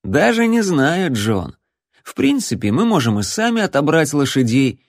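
A man voicing a cold, restrained male assassin with a flat, chilly delivery. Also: a little high, normal speed, no echo, clean studio sound, voice pushed up, exaggerated voice.

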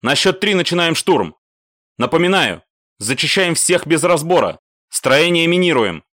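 A man's voice: fairly high pitch, sing-song, measured pace, fairly bright tone, dry recording, clean studio sound, pitched above the performer's own voice, full character voice. Man doing a clipped radio commander. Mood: commanding. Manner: clipped, orders. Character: steady male assault commander on radio.

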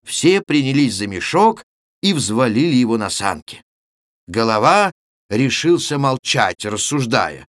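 A man's voice: medium pitch, very animated, unhurried, fairly bright tone, dry recording, clean studio sound. A male professional announcer reading a classic story aloud in a theatrical, vivid storytelling manner. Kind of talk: expressive literary audiobook reading.

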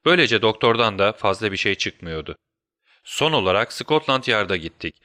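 Male audiobook narrator, measured storyteller, bright tone, dry close recording. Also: on the low side, expressive, no room sound. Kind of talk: scripted narration.

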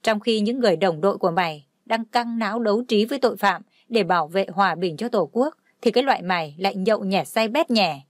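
A woman's voice: medium pitch, fast talker, few pauses, no room sound, studio quality, natural voice. A woman voicing a stern father who barks orders at his son. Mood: angry. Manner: barking orders. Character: stern angry father, harsh and commanding.

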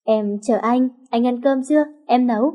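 A woman voicing a gentle, caring young nanny who speaks softly. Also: on the high side, normal speed, close to an everyday voice. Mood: tender. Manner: soft, soothing, tender.

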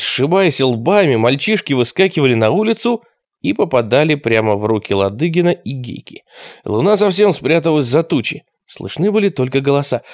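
Expressive male audiobook narrator. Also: medium pitch, no echo, studio quality. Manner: expressive storytelling.

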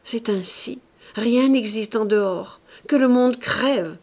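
A woman's voice: a little high, takes it slowly, darkish tone. A woman reading an audiobook voices a stubborn, obsessed male painter in a dull, resigned tone. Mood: resigned, gloomy.

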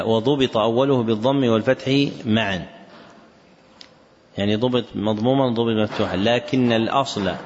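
A man teaching a lesson, explaining the text in a measured, deliberate way, recorded in an echoey hall with dull lo-fi sound. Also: fairly low pitch, slight background noise. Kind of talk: scholarly lesson commentary.

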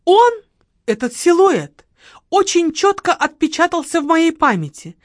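A woman's voice: extremely high pitch, very animated, measured pace, no room sound, clean studio sound, voice pushed up, heavily acted. A woman voicing a theatrical, self-pitying widow who pleads and sighs melodramatically. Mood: dramatic pleading.

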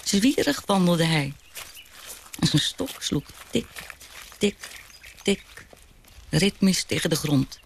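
Reminiscing grown child, gravelly, slightly high voice, radio drama narrator. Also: male voice, lively intonation, slow pace, pauses often, slight background noise, heavily acted. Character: grown child looking back on a childhood home.

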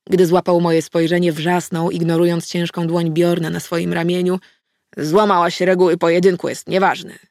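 A woman's voice: fairly low pitch, gravelly, a little mellow, no echo, studio quality. A woman reading a fantasy novel aloud in the first person, acting out the dialogue with drama. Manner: acted, voices dialogue dramatically. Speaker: audiobook narrator.

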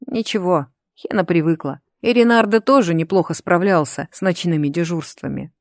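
Woman reading a novel, lowish and dry. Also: normal speed, a little mellow, no room sound. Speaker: audiobook reader. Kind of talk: scripted audiobook narration.

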